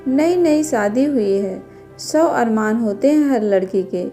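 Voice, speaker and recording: A woman's voice: a little high, expressive, slow pace, warm tone, soft background music. A woman voicing a kindly middle-aged mother-in-law who coaxes and dotes on her new daughter-in-law in a storybook tale. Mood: affectionate. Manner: affectionate, coaxing.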